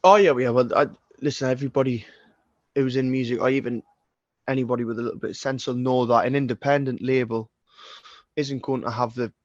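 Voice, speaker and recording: A man's voice: medium pitch, fairly even intonation, brisk, dry recording, highs cut off. A man in his twenties with a Geordie accent, a singer-songwriter talking as a podcast guest in a casual, rambling way, full of swearing and restarts. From Northeast England. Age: 20s.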